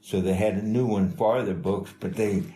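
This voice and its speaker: An older man telling life stories in a casual, rambling, halting way, as an interviewee. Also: on the low side, fairly even intonation, dark tone. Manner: rambling, halting, chuckling delivery. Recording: echoey room with faint noise.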